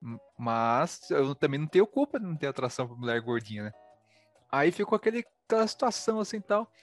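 A man with a Brazilian Portuguese accent, hosting a podcast and telling a story in casual chat, animated and quick, full of fillers. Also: a little high, dry recording, faint music behind. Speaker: podcast host.

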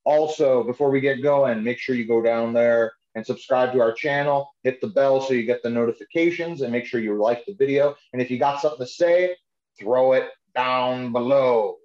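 A man co-hosts a podcast in a loose, informal chat about music, talking as if to a pal. His voice sits at a middling pitch. The sound is echoey and slightly dull. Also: moderate pace. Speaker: podcast co-host.

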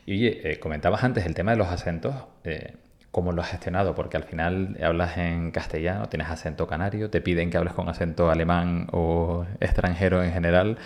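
A man co-hosting an interview, asking questions in a relaxed way with hesitant fillers. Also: low voice, a little fast. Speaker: co-host, interviewer. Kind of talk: casual interview chat.

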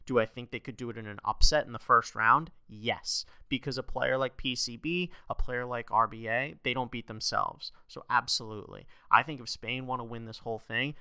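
A bright, crisp-voiced young man co-hosting a podcast. He talks fast and excitably, filling his lines with "like" and breaking into laughs. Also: mid-range voice, no room sound. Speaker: podcast co-host. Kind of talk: casual podcast chat.

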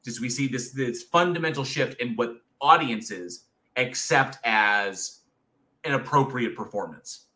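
Co-hosting a casual live horror review chat show, a thirty-something man speaks at a measured pace in a mid-range voice that sounds pushed and bright. He's candid and free with swearing, often restarting what he says.

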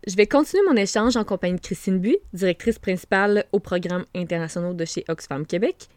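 A woman with a Québécois French accent hosting a podcast, reading her introductions and questions in a measured way. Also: mid-range voice, darkish tone, dry recording. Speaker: podcast host.

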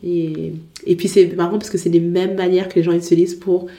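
A woman's voice: fairly low pitch, little pitch movement, fairly quick, dark tone. Chatty woman in an echoey room. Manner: enthusiastic, frequent restarts and stammers. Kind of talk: casual chat.

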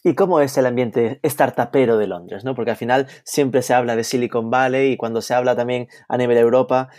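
Casual interviewer with a dry sound. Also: male voice, medium pitch, fairly even intonation, a little fast, a little mellow, no room sound. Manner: casual, slangy, laughs often. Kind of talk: conversational interview.

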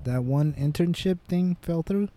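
A man's voice: fairly high pitch, measured pace, mellow, no room sound. A young man co-hosting a podcast in casual chat, laid-back and joking. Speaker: podcast co-host.

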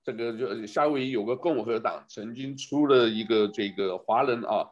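A man's voice: medium pitch, moderate pace, highs cut off. A man giving a rambling casual commentary, speaking to his listeners and asking them one rhetorical question after another.

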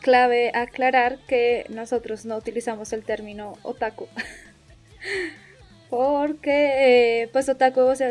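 A woman's voice: fairly high pitch, a little mellow. A woman from Colombia with a Colombian accent, chatting casually as a podcast co-host. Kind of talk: casual chat.

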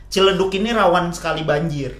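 A young man telling stories in an animated way, laughing and swearing often in casual chat. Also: sits high, brisk. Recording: roomy echo.

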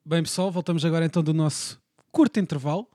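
A man's voice: fairly high pitch, fast talker, mellow, no echo. A young man with a European Portuguese accent hosting a casual podcast, steering the talk with dry asides. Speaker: podcast host. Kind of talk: casual chat.

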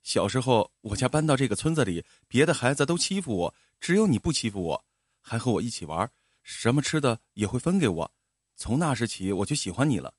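A gentle, devoted young village man speaks with earnest reassurance, as a male storyteller reads his lines. His mid-pitched voice rises and falls freely, and the recording is dry and close. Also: sing-song, brisk, husky, dry recording. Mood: earnest soothing. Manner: soothing, earnest.

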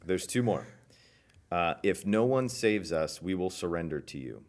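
A man hosting a church podcast, running a playful quiz in casual chat and reading quotes aloud slowly. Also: deep voice, animated.

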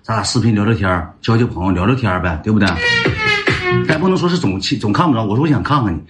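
A man's voice: fairly low pitch, animated, quick pace, loud music behind the voice. A man with a Northeastern Mandarin accent telling a comic personal story in a rambling way, repeating himself and calling his listeners brothers.

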